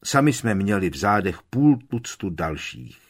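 A man reading aloud as a shaken young wizard in a storybook, his husky, deep voice strained and urgent. He presses on through his account, grim and earnest. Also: sing-song.

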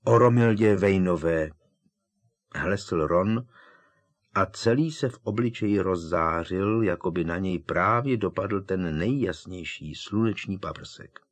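A man narrates an audiobook in a calm, measured way. His voice sits very low and has a husky, breathy edge. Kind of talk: scripted narration.

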